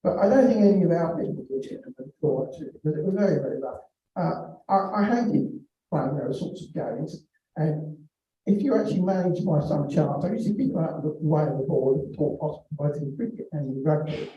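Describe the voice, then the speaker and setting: An older man from England telling rambling standup stories about his school days, halting with many restarts. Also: a little high, lively intonation, dark tone. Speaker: comedian. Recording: distant, dull, very echoey room.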